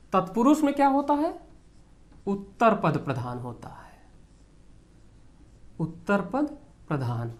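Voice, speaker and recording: Male tutor, exam grammar lesson, asks then answers his own questions, repeats terms. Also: high-pitched. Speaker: teacher.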